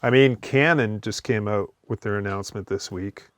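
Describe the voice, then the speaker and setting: Animated male podcast co-host. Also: lowish voice, normal speed. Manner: animated, rambling with restarts. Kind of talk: casual chat.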